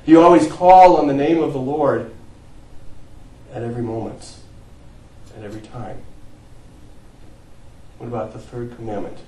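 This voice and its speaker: Male pastor, mellow tone, earnest sermon delivery, recorded from a distance in an echoey church. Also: medium pitch, a little hiss or hum. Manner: earnest preaching, rising to emphatic peaks and dropping to quiet phrase ends. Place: church sanctuary.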